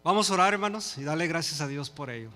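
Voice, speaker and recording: An older man preaching a sermon in Spanish and then praying, talking to the congregation with passion, swinging between loud peaks and quiet asides. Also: on the high side, lively intonation, quick pace. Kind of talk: Spanish-language sermon and prayer. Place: church hall. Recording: long hall reverb with faint music.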